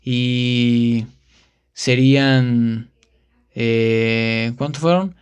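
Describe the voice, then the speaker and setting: A man's voice: medium pitch, steady tone, drawn-out words, smooth. Rambling Mexican man telling a story. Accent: Mexican Spanish. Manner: rambling, slangy, strings events with repeated connecting words. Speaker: podcast host. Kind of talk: casual storytelling.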